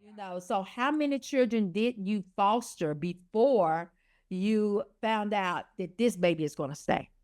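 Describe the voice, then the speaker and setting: Woman host, encouraging, advice-giving, mid-pitched voice, interview podcast. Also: expressive, unhurried, a little mellow, soft background music. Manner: encouraging, gives advice, backchannels often.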